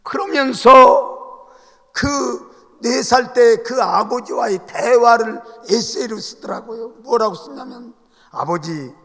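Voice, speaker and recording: Pastor guy preaching, really high gravelly voice, gets loud calling out to the church, long echo in the sanctuary. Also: steady tone, slow pace. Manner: emphatic preaching, swelling to loud calls to the congregation. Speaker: senior pastor. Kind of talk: Sunday sermon. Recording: long reverb of a church hall.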